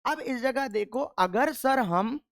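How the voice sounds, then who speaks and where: A man's voice: very high voice, expressive, slow pace, dry recording, studio quality. A male chemistry teacher giving a classroom lecture. He keeps asking rhetorical questions and answering them himself, and he repeats key answers patiently so the class can drill them.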